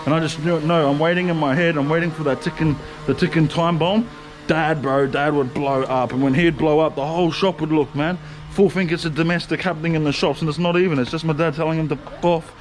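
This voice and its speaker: Slangy young man, higher voice. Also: fairly even intonation, brisk, faint music behind. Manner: slangy, swears a lot, frequent laughter. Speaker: vlogger. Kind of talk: casual storytelling vlog. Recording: faint background noise.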